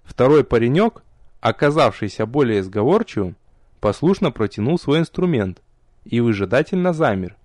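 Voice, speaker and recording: A man narrating a first-person fantasy audiobook with a lively, expressive reading. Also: medium pitch, normal speed, no echo, clean studio sound.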